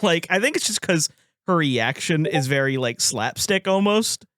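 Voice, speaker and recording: On a podcast, a male co-host with a fairly high, somewhat bright voice chats casually about a film, animated and at a moderate pace. Frequent laughter and lines acted out in put-on voices mark his delivery, and the studio-quality audio has no room sound.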